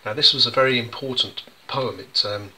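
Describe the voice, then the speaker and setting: A man's voice: mid-range voice, normal speed, sharp tone, a little hiss or hum, low-quality recording. An English man, a children's poet, chatting through how he illustrates his poems, with many ums and restarts. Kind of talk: casual explanatory demonstration.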